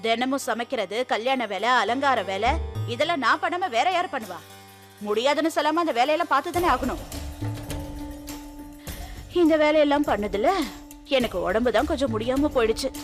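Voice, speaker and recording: A woman's voice: sits high, moderate pace, long pauses, faint music behind, lightly acted. An actress playing a sly, scheming middle-aged mother who makes veiled threats, in a TV serial drama.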